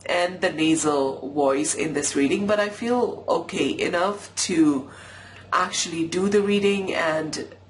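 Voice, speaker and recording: A tarot reader with a cold and a nasal voice chats through a casual pick-a-pile reading in a low-quality recording. Her voice is on the low side and unhurried, and she is chatty and apologetic, filling her speech with many fillers.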